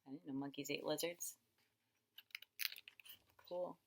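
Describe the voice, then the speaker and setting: Reading a picture book aloud to young children, a woman teacher is expressive and instructive, drawing out words for emphasis and stopping to ask questions. Her voice sits low and sounds gravelly.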